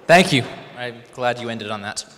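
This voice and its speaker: A man hosting a conference event, introducing the next speaker with quick, joking banter. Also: mid-range voice, expressive, fairly bright tone. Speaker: event host. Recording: reverberant hall.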